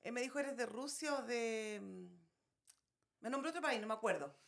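A Chilean woman with a high voice, chatting on a podcast. She tells stories with animation and slips English words into her Spanish. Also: moderate pace, gravelly. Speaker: podcast co-host, therapist. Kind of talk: casual chat.

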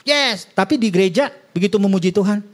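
A middle-aged man preaching a sermon as a pastor, animated, with joking asides and rising exclamations to the congregation. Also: fairly high pitch, a little fast. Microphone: addressing a congregation and viewers.

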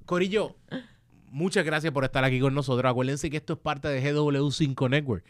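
A man with a Puerto Rican accent hosting a casual podcast from a studio, talking loudly and animatedly and swearing freely. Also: medium pitch, fairly even intonation, a little fast, no echo. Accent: Puerto Rican Spanish. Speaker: podcast host.

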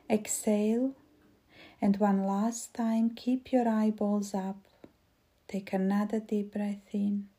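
A woman hypnotist guiding a hypnosis induction in a slow, soothing, repetitive voice, breathy and often trailing into a whisper. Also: medium pitch, dark tone. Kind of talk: guided weight-loss hypnosis induction.

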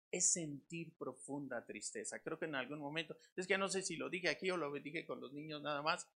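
Speaking with a Mexican Spanish accent, a pastor from Mexico preaches to his congregation in a conversational style. He alternates forceful, loud statements with hushed asides, asks questions, and repeats words.

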